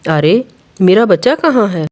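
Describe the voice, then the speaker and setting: A gentle, trusting father pigeon in a kids' cartoon story, voiced by the narrator, speaking politely and earnestly, a touch higher than the narration. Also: big pitch swings, measured pace. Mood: distressed.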